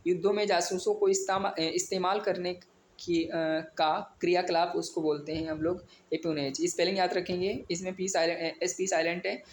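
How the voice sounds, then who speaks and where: A man's voice: high voice, flat delivery, moderate pace. A man teaching an exam vocabulary lesson, spelling words out letter by letter and mixing in English definitions. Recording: echoey room with faint ambient noise.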